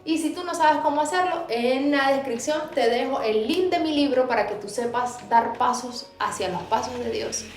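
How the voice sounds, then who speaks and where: A woman preaching with fervor to her viewers from a clinic, swinging from soft words to loud emphasis. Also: high voice, normal speed, hardly any pauses, reverberant. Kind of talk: preaching to the camera.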